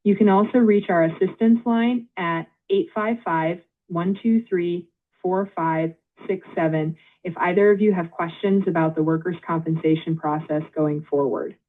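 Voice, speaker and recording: An automated woman's voice heard over a thin, tinny phone line. She sits a little low and speaks in polite, measured, scripted prompts, carefully reading details back to the caller. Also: steady tone. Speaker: AI phone intake agent.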